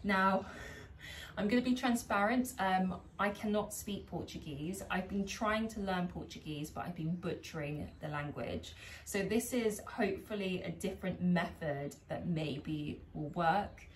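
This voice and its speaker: Speaking a little slowly in a lowish voice, an English vlogger with a British accent chats in her home garden, poking fun at herself while testing foreign phrases. The audio is poor, with slight background noise.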